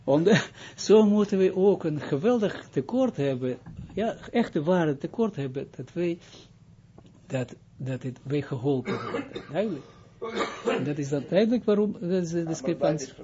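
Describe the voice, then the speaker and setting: A man's voice: fairly high pitch, expressive, warm tone, lo-fi sound, a little hiss or hum. A man, a rabbi, giving an informal spoken lesson, explaining step by step and often stopping to check that listeners follow. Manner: explains with frequent checks like "Duidelijk?" and halting restarts. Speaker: rabbi teaching Kabbalah.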